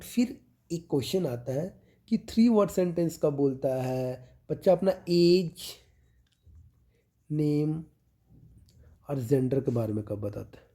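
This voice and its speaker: Man, medical exam tutor, very mellow dark voice, explanatory lecture, frequent check-ins, slows on key terms. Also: on the high side. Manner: explanatory, checks in with "theek hai" after each point. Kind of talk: lecture teaching with mnemonics.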